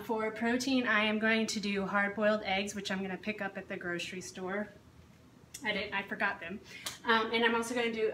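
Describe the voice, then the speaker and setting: The fitness coach, a woman in her thirties, has a mid-range voice with a sharp tone as she matter-of-factly walks the camera through her routine. The echoey home kitchen, a mic a few feet off, and faint hiss shape the sound.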